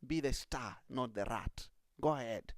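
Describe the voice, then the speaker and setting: A man's voice: medium pitch, measured pace, no echo, studio quality. A man who is a priest, speaking earnestly to encourage young people, with many fillers.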